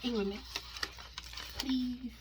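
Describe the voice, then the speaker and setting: A woman hosting a casual mukbang, chatting informally and slangily to viewers as she eats, often slipping into soft, hushed asides. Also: fairly high pitch, steady tone, takes it slowly, heavy background noise. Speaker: mukbang host eating on camera. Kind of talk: casual mukbang chat to viewers while eating.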